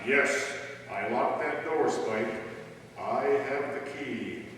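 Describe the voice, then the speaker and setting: A man playing a commanding, menacing avenger with theatrical, deliberate delivery in an old-time radio mystery. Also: medium pitch, creaky, a bit bright. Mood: ominous. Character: the Shadow, commanding, menacing male avenger of crime. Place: large reverberant room, stage rehearsal. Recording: distant echoey hall, faint noise.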